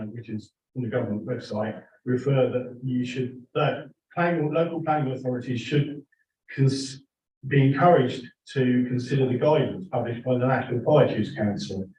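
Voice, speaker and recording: A man giving a formal public statement to a committee, halting and earnest, recorded in a meeting room. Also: medium pitch, a little mellow, a little hiss or hum. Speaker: member of the public addressing a committee. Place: indoor council meeting room. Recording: echoey, distant, muffled meeting-room recording.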